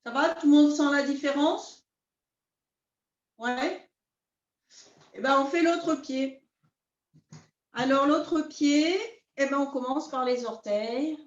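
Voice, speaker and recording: A woman teaching a beginners' qi gong class, calmly guiding her students step by step. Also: high voice. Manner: calm, unhurried, step-by-step guidance. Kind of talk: guided class instruction. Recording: roomy, distant, dull sound.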